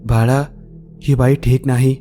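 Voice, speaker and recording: A man voicing a frightened old woman passenger in a horror story, with a trembling, hushed warning tone. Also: mid-range voice, little pitch movement, unhurried, faint music behind, natural voice. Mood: fearful.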